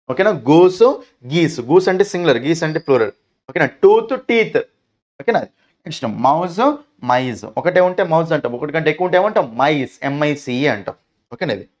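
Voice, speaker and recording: Fast, high-voiced Telugu teacher. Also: male voice. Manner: asks questions and answers them himself, calls students "nanna". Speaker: English teacher. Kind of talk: classroom grammar lesson.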